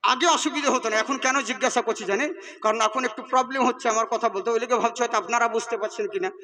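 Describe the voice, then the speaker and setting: A man preaches at a rapid clip into a stage microphone. His voice sits very high and rings bright and forceful. He breaks off to chat with the crowd before telling the next story. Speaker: Islamic preacher. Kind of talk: fast-paced sermon.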